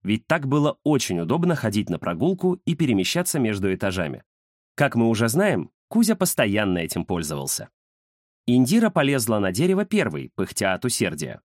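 Lively male audiobook narrator. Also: on the low side, a little fast, no echo, studio quality. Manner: expressive storytelling. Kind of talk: scripted narration.

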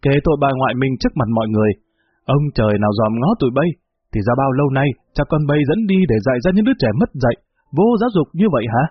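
A man's voice: mid-range voice, expressive, quick pace, slightly rough, no echo. A man doing a bitter, scolding old grandmother. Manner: scolding, hissing through teeth. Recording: tinny phone-like, faint music.

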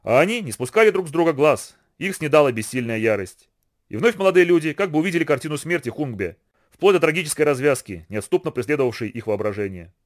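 Male audiobook narrator, fast, lively pitch, expressive read. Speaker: audiobook reader. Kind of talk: scripted narration of a novel.

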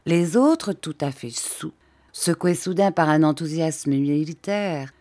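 A woman reading a literary short story aloud in a measured, expressive way. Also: sits low. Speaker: reader. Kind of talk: literary audiobook narration.

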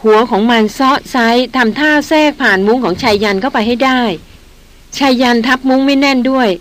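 A woman's voice: sits high, fairly quick, voice pushed up, lightly acted. A woman voicing a trembling young noblewoman. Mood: shaken. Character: young noblewoman, shaken but steady huntress.

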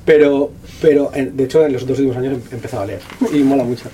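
A man, an author talking about his book at a bookshop event in fast, slangy, profane speech full of restarts. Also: medium pitch, steady tone, mellow. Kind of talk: casual talk at a book presentation. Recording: distant voice with faint room noise.

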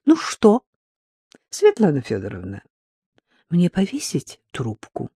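A reader voicing Rita, a sly young woman who sweet-talks and threatens by turns, in a dry, close recording with a lively, wide-ranging delivery. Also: deep voice, slow, husky, no room sound, heavily acted. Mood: honeyed mocking. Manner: sugary and mocking, then barking orders. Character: sly, sharp-tongued young woman blackmailer. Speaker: character in an audiobook. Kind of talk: audiobook character reading.

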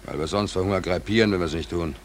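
A man's voice: sits low, fast. An actor playing a worried ship's stoker in a radio drama, speaking hesitantly and repeating his words. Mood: bitter.

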